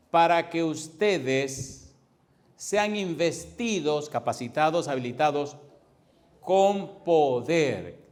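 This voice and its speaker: A man preaching a fervent sermon as pastor, with emphatic repetition, drawing some words out slowly and rushing through others. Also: on the high side. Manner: swings between slow stressed words and fast runs.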